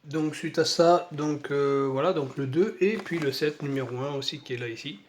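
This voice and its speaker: A man's voice: fairly high pitch, moderate pace, slight background noise. A French-speaking man unboxing model paints in a casual video, talking through a stuffy nose from a cold, hesitant with many fillers. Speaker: model-kit hobby vlogger.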